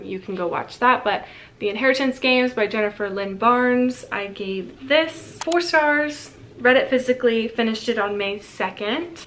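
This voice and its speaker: A woman's voice: medium pitch, a bit bright. Chatty young woman vlogging about books. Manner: chatty and rambling, with frequent "like". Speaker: book vlogger. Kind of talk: casual reading wrap-up vlog.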